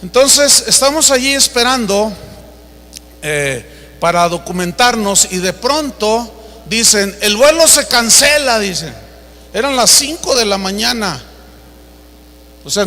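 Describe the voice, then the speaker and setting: A man's voice: sits high, animated, unhurried, pauses often, bright, forceful tone, long reverb tail. A man preaching a sermon, telling stories and speaking emphatically and directly to his congregation.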